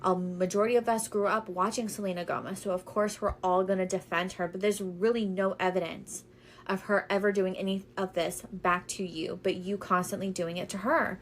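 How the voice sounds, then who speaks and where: A woman's voice: medium pitch, level tone, a little fast, a little hiss or hum. A woman giving casual opinion commentary in a catty, scolding and emphatic way.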